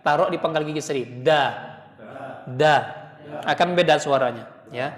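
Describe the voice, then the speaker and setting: A man's voice: fairly high pitch, normal speed, reverberant, in a large hall. A man teaching Quran pronunciation, patiently demonstrating letter sounds and chanting short words.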